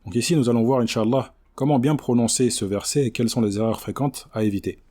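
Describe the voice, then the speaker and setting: A man teaching Quran recitation, speaking standard French with a patient manner and modeling words slowly and repeatedly. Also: medium pitch, steady tone, mellow, husky. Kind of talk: explanatory lesson on recitation.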